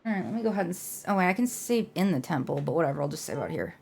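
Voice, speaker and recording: A woman's voice: lowish voice, very animated, very fast, creaky. A woman streamer giving casual, sarcastic, self-mocking commentary while she plays a game. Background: game music.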